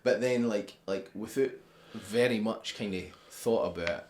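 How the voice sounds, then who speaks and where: A man's voice: lowish voice, moderate pace, a little mellow. A man with a Scottish accent hosting a casual interview, talking in a rambling, roundabout way. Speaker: interviewer and festival organiser. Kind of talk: casual chat.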